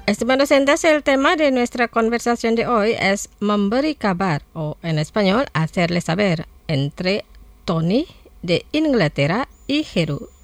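Slow, careful woman teaching on radio. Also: medium pitch, expressive. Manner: slow, careful repetition of words. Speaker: language lesson presenter. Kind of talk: scripted radio language lesson.

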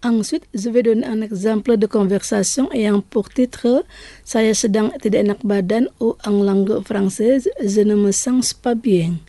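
A woman hosting a scripted radio language lesson, speaking slowly and repeating each phrase twice. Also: mid-range voice, fairly even intonation, dark tone, no room sound.

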